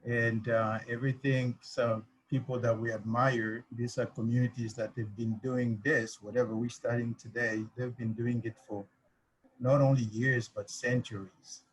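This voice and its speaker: A man's voice: medium pitch, flat delivery, moderate pace, breathy edge, low-quality recording. A man from the Congo speaking in an online meeting, with many hesitant fillers. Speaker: meeting participant. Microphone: video call.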